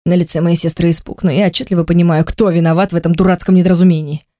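An audiobook reader narrating in an even, measured first-person voice at a middle pitch. The sound is close and very dry, as from a treated booth. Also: dry recording.

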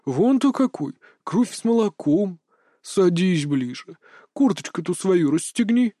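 A man's voice: sits high, expressive, unhurried, warm tone, no room sound, clean studio sound, pitched above the performer's own voice. A man voicing a sly, cackling old male sorcerer who talks in a folksy, mock-tender, chatty way. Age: older.

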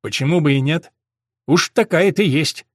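A man's voice: on the high side, moderate pace, no echo, clean studio sound, close to an everyday voice. A man voicing a stern, self-righteous husband, cold and reproachful, who lectures his wife.

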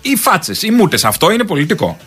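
A man co-hosting a satirical chat show, throwing in quick jokes and mock quotes. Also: high voice, huge pitch swings, a bit bright, breathy edge, soft background music. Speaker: co-host.

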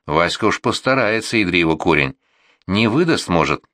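A man's voice: low voice, lively intonation, normal speed, a bit bright, no room sound, studio quality. A man voicing a plain-spoken soldier who talks in a folksy, cursing way. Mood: urgent.

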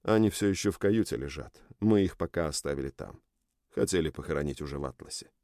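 A man voicing a gruff, impatient warrior who speaks bluntly. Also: extremely low pitch, expressive, fast talker, a little mellow, dry recording, clean studio sound, pitched below the performer's own voice.

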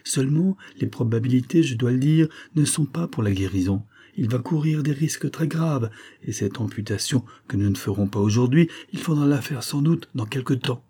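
A man voicing an irritated army surgeon laying out the odds in measured, emphatic phrases. The voice sits a little higher than the reader's own dark, husky tone, an audiobook figure. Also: animated. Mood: grave. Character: irritated male army surgeon, matter-of-fact.

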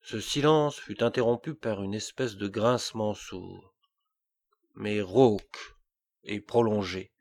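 A man reading a classic tale aloud as audiobook narration, measured and deliberate. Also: lowish voice, a little mellow. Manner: slow, measured storytelling. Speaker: audiobook reader.

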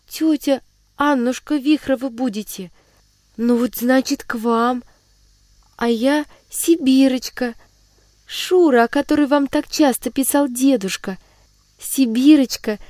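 A woman voicing an earnest, shy little orphan girl who pleads gently and eagerly. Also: high-pitched, no echo, clean studio sound, pitched above the performer's own voice.

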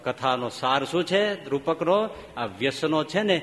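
A male swami giving a sermon, telling fables lively and firing rhetorical questions at his listeners. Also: on the high side, a little slow, a little hiss or hum. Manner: animated storytelling, rhetorical questions to the audience. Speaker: swami giving a religious discourse. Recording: reverberant hall, faint ambience.

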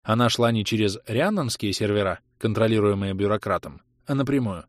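A man reading an audiobook in an even, measured narration. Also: fairly low pitch, no echo. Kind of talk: scripted narration. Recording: dry close studio sound.

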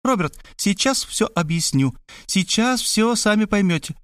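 A man reading an audiobook, voicing a fussy, insistent middle-aged woman who talks fast and pushes her point. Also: high voice, lively intonation, a bit bright, dry recording, clean studio sound, pitched above the performer's own voice. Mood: pressing. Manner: rapid, pushy, matter-of-fact.

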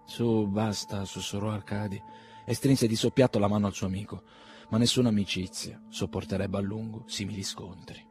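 A man reading a classic novel aloud in a measured, even narrating voice. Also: fairly low pitch, soft background music. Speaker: audiobook reader. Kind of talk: literary audiobook reading.

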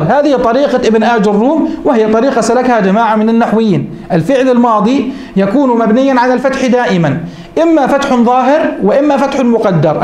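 Sheikh teaching grammar, really high voice, talks fast, quizzes himself as he goes, echoey room. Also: a little mellow. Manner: asks questions and answers them himself; repeats rules slowly for emphasis. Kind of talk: recorded grammar lesson.

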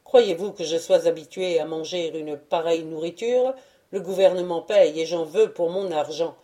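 A woman's voice: lowish voice, moderate pace, dark tone, natural voice. A woman reading as a huffy male passenger. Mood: indignant. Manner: huffy, demanding. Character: indignant male ship passenger complaining about food.

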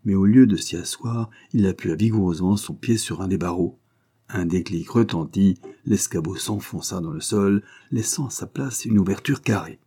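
A man reading a novel aloud as an audiobook narrator, in a measured, even storytelling manner. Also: low-pitched, breathy edge. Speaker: audiobook reader.

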